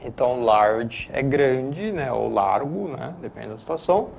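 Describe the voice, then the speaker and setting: A man's voice: mid-range voice, lively intonation, measured pace, creaky, darkish tone, a little hiss or hum. A man with a Brazilian Portuguese accent teaching English on a studio lesson broadcast, chatty and full of tag questions. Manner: chatty, repeats filler tags, self-corrects. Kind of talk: classroom lesson, explaining.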